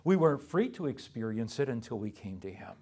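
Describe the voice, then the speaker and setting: A man's voice: medium pitch, sing-song, brisk, darkish tone, breathy edge. A male pastor delivering a sermon in an emphatic way, putting rhetorical questions to his listeners.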